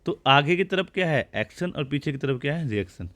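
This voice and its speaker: A man's voice: fairly high pitch, animated, fairly quick, a bit bright. A male teacher giving a physics lecture in a conversational classroom style, asking questions and answering them himself. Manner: explains step by step, asks and answers his own questions.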